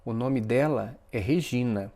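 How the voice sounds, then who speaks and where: A man voicing Abraxas, a commanding male spirit guide with a very deep, booming voice, in a read-aloud story. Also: a little slow, dark tone, close to an everyday voice. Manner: commanding, insistent.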